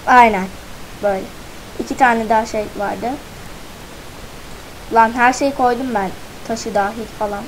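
A woman's voice: fairly high pitch, fairly even intonation, measured pace, long pauses, slight background noise, rough recording. A woman giving casual let's-play commentary, talking to herself as she plays, counting items aloud and tossing in playful slang. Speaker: gaming channel host.

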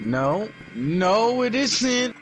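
A man playing a horror game as a scared streamer, excitable and swearing in casual banter. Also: high-pitched, extremely slow, faint music behind. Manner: frightened, excitable, profane.

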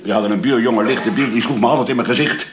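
A man's voice: medium pitch, racing, roomy sound, lightly acted. A man playing a grumbling, put-upon sitcom man. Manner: grumbling and indignant. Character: put-upon middle-aged man Simon ten Brugge. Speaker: sitcom character. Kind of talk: sitcom acting.

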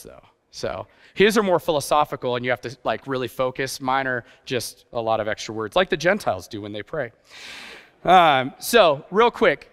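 A youth pastor in middle age, partly raised in Japan, preaches as a guest from a church stage indoors. His voice is medium in pitch with a fairly bright tone, and his informal sermon is self-deprecating and conversational, driven by rhetorical questions. The room's reverb is audible throughout.

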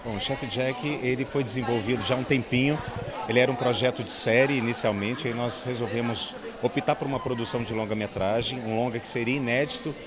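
A man, a film producer, giving steady promotional interview answers outdoors at a premiere. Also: medium pitch, fairly quick. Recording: crowd noise behind.

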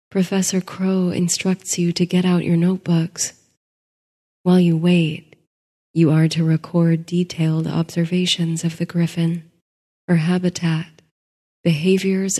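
A woman narrating a sleep story in a soft, hushed voice that slips into whispers. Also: fairly low pitch, in a large hall.

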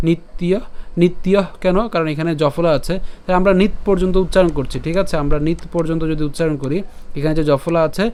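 Clear-voiced man patiently teaching recitation. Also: fairly high pitch, a little mellow. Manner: patient, repeats each word and syllable slowly, checks with "right?"; chants the verse in a sung melody. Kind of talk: slide-based pronunciation lesson.

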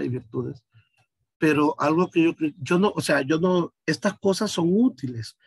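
A man from Honduras teaches an online class, explaining step by step and checking in with his students. His voice is fairly high and husky. The sound is dry and close, as if from a video call. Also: no room sound. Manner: patient, explanatory, addresses students directly.

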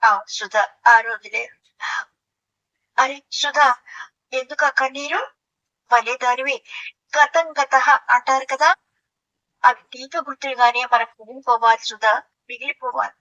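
A wistful young husband, voiced by a woman, reminisces in a slow, sighing, melodramatic tone. The voice stays bright despite the lowered pitch. The recording is dull and lo-fi. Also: fairly even intonation. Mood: tender. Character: sentimental young husband, wistful and sweet-talking.

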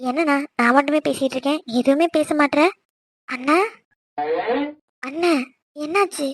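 A woman's voice: sits high, normal speed, no echo, studio quality, lightly acted. A woman voicing a cheeky younger sister who teases her brother and chatters curiously. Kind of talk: cartoon voice acting.

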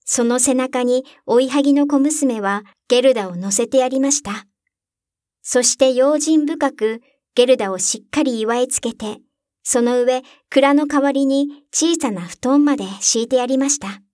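A woman calmly reading a fairy tale aloud as narrator, close to the microphone. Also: high-pitched, normal speed, no echo. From Japan.

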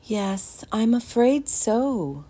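A woman voicing a patient, gently firm mother in a read-aloud picture book, calm and measured. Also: fairly high pitch, husky, pitched above the performer's own voice, heavily acted. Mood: gentle firm. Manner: calm, measured, kindly insistent.

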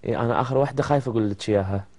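A man hosting a TV interview, asking quick questions and joking with his guest. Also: mid-range voice, darkish tone. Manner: joking, teasing. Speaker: TV show host. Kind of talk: casual TV interview.

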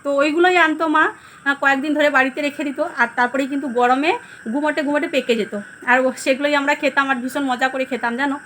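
A woman vlogger with a Bengali accent, chatting casually to viewers at home about her day, rambling with many fillers, her voice a little hoarse. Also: high voice, fairly even intonation, fast talker, a bit bright, slight background noise. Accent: Bengali (West Bengal). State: hoarse, throat going. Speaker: vlogger, housewife. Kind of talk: casual vlog chat to viewers.

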